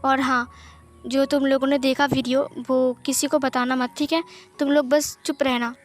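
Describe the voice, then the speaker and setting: A woman's voice: high-pitched, flat delivery, normal speed, faint music behind, natural voice. A woman voicing a protective, emotional young man in a fan-fiction reading, talking earnestly and pleading. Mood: firm. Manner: earnest, pleading, tearful at times.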